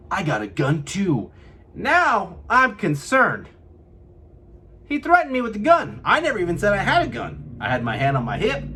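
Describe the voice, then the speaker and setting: A man's voice: on the high side, a bit bright, slight background noise. A young man from California, telling a vlog story to camera and acting out what others said. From California, USA. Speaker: vlogger.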